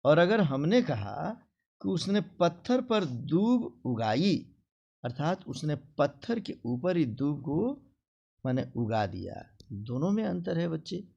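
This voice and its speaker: Slow, lively gravelly male teacher. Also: a little high, highs cut off. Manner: slow, sing-song explaining with acted example phrases. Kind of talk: Hindi grammar lesson.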